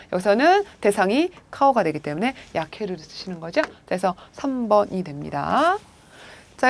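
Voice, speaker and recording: Lively woman teaching a language lesson. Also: mid-range voice, slight background noise. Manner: lively lecturing, frequent "자" prompts and rhetorical questions. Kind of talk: recorded video lecture.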